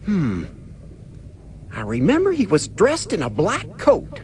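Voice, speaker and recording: Little cartoony game cricket, super high n swoopy, folksy and earnest. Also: male voice, huge pitch swings, takes it slowly, darkish tone, slight background noise, full character voice. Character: small, earnest, folksy male cricket acting as conscience.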